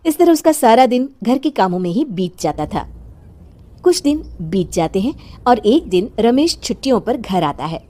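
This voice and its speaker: A woman's voice: a little high, very animated, moderate pace, mellow. A woman narrating a scripted moral story as a storyteller.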